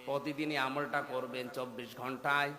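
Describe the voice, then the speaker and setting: A man in his thirties preaching a sermon, dropping to low murmurs and rising to loud chanted peaks. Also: little pitch movement, normal speed. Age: 30s. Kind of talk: Bengali waz sermon with chanted passages. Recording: echoey hall with long reverb.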